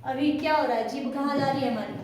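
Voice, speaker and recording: A woman's voice: high voice, fast talker, darkish tone, a little hiss or hum. A woman teacher giving a classroom lesson, explaining step by step and quizzing her students. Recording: echoey room, mic far off.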